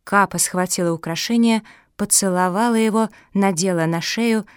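Woman, children's story narration, even clear delivery, dry close sound. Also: medium pitch, moderate pace, no echo. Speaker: audiobook narrator.

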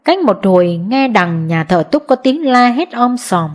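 A woman narrating an audiobook in a steady storytelling manner. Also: a little high, unhurried.

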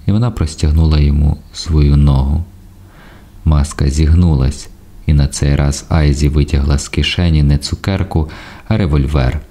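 Deep dark-voiced guy reading an audiobook, calm and measured. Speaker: audiobook narrator. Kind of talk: literary audiobook narration.

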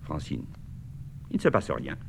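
A man reading a play aloud, voicing a sensible, motherly teenage girl who speaks in a soft, reproving way. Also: very deep voice, huge pitch swings, measured pace, vocal fry, a little hiss or hum, pitched below the performer's own voice, full character voice.

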